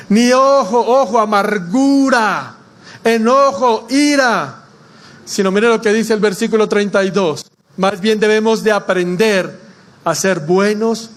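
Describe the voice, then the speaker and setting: A male pastor delivering a Sunday sermon with a notably high voice. He keeps putting direct questions to the congregation and leans on homely stories and light humor to make his point. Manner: preaching with rhetorical questions to the congregation; folksy, anecdotal delivery with humor.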